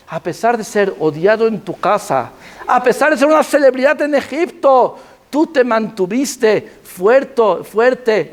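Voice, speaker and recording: A man, a rabbi delivering a Torah sermon with emphatic, repeated phrases. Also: extremely high pitch.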